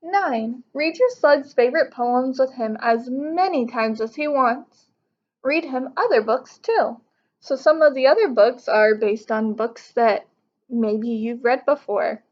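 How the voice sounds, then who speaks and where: Sitting on a living room couch at home, a teacher in her thirties reads a picture book to young children, pausing to explain it in an instructive way. Her voice is high and her pace measured, though the audio is muffled.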